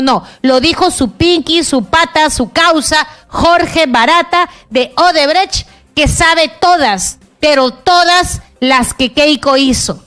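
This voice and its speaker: A woman's voice: high-pitched, fairly bright tone. A middle-aged woman journalist giving impassioned political commentary, indignant and emphatic, talking straight to the listener.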